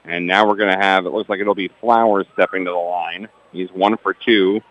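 A man's voice: deep voice, fairly even intonation, dry recording, lo-fi sound. A man giving play-by-play commentary on a basketball game, rattling off each pass and adding dry asides about the officiating. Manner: rapid player-by-player calls, dry asides about the refs. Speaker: play-by-play announcer.

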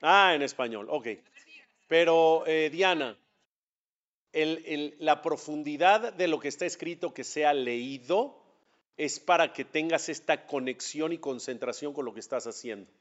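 A male rabbi teaching a religious class, his voice sitting a little high for a man. He talks to his students directly and throws out questions he answers himself. The recording sounds dull and lo-fi. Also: a little slow, fairly bright tone. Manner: conversational, addresses students directly.

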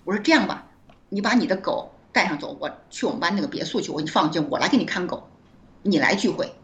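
A woman doctor, a guest in an interview, telling a story with frequent laughs and quick self-corrections as she acts out dialogue. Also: fairly low pitch, animated, muffled recording. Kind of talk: animated storytelling in conversation.

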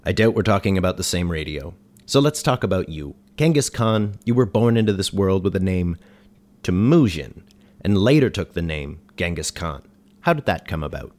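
An actor playing a dry, exasperated ghost who hosts a radio show, speaking in a deadpan, wry way. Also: male voice, deep voice, moderate pace. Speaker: host. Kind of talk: comedy radio sketch.

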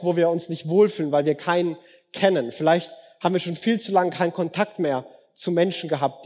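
Lively preacher man in a reverberant hall. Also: high voice. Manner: lively, acts out dialogue, wide swings from loud to hushed. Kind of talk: sermon.

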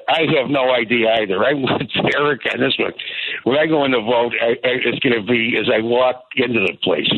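A man calling in to a radio talk show over the phone, rambling casually and chuckling. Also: medium pitch. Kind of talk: call-in chat. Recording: tinny phone line with faint noise.

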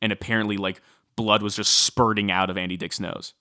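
A man's voice: lowish voice, fairly quick, no echo, clean studio sound. A man casually recounting a true-crime story as podcast co-host, chatty with many fillers. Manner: chatty, filler-heavy, animated when quoting.

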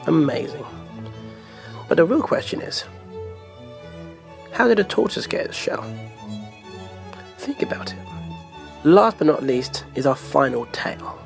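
A man's voice: on the high side, huge pitch swings, unhurried, vocal fry, long pauses. A man hosting a story program, joking playfully between tales. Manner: playful, wry. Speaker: host. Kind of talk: jokey show links. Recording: music behind voice.

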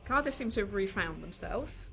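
A woman co-hosting a casual football chat, thoughtful and measured, repeating words as she thinks. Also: medium pitch, lively intonation, creaky, a bit bright, faint music behind. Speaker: podcast co-host.

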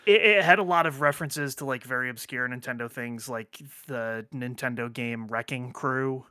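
Rambling podcast host man, bright crisp voice. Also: medium pitch, normal speed, no room sound, studio quality. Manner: rambling, full of fillers and restarts, casual swearing. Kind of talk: casual podcast chat.

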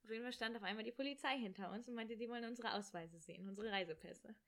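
A young woman in casual chat, telling a travel story in an animated way and acting out the voices of people in it. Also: on the high side. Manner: animated, rushed, acts out quoted voices. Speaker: storyteller guest.

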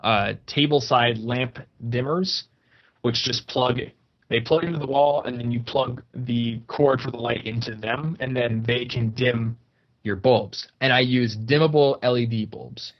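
A man's voice: medium pitch, steady tone, measured pace. A man speaking as a podcast guest, chatty and explaining things step by step with many fillers. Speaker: guest, YouTuber. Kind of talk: casual podcast interview. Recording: dull, slightly lo-fi sound.

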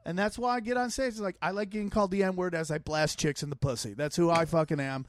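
A man talking as a comedian guest on a casual podcast, swearing a lot and speaking in excited, emphatic bursts. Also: high-pitched, fast talker, no room sound. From Armenian and Italian heritage. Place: home studio man cave.

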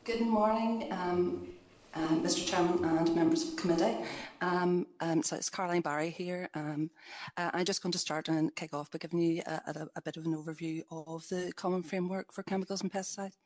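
Female government official, slightly low voice, formal and measured, presenting a prepared policy briefing with occasional hesitations. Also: fairly even intonation, darkish tone.

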